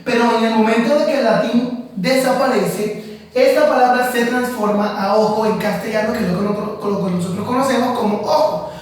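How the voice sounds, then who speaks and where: Male teacher for a class lesson, slow and deliberate explainer, very echoey room, off-mic. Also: extremely high pitch, far from the mic.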